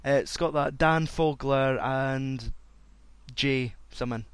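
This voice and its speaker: A man's voice: medium pitch, slow pace, smooth, no echo. A man hosting a casual chat, loose and rambling. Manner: loose and rambling, laughs a lot. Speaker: podcast host.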